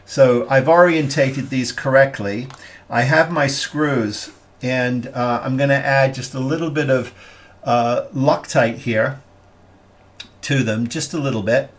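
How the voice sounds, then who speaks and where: A man talking through a scale model build step by step, halting and thinking aloud with plenty of fillers as he works. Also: medium pitch. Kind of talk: hobby build tutorial.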